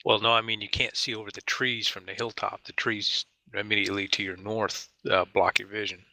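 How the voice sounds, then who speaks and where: Sharp, bright low-pitched man. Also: level tone, a little fast, no room sound, rough recording. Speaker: player. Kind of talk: casual tactical terrain talk in a game.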